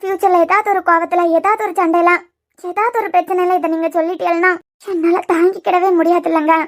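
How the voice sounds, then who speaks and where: A woman's voice: very high voice, little pitch movement, quick pace. A woman voicing a weepy young wife who pleads and sulks, with a Kanyakumari Tamil accent. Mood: pleading. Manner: plaintive, pleading, sulky. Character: young pregnant wife, weepy and easily hurt. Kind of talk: cartoon web series voice acting.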